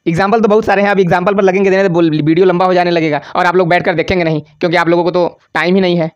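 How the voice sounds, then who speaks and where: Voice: medium pitch, flat delivery, racing, highs cut off. Repetitive exam-prep grammar teacher. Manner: asks the class a question, then answers it, repeating key words; stretches out syllables when spelling out examples. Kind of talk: exam-prep grammar lesson over slides.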